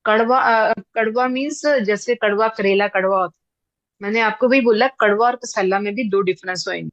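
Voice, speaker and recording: A woman teaching in an unhurried, explanatory way, circling back to make each point clear. Her voice sits in a middle register, close and dry, with a slightly dull, lo-fi sound. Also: mid-range voice, no room sound. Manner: patient, repeats points with everyday examples. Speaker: teacher of breath practice. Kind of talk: explanatory class talk.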